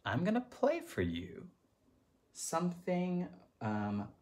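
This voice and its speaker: A man's voice: sits high, huge pitch swings, slow pace, a little mellow. A man teaching third graders a music lesson, chanting rhythm syllables and encouraging the children.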